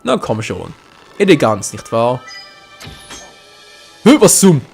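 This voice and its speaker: A young man hosting a let's play, commenting on the game excitably, swearing and talking to his viewers. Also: mid-range voice, slow, creaky, faint music behind.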